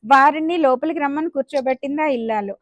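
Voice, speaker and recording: High-voiced woman telling a devotional tale. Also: fast talker, no echo. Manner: expressive, acting out the characters' lines. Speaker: vlogger telling a devotional legend. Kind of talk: spoken storytelling.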